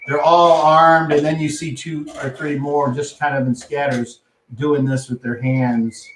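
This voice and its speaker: A man with a slightly high voice casually narrates a tabletop game as game master. He is recorded away from the mic in an echoey room. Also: little pitch movement, a little slow, recorded from a distance, a little hiss or hum.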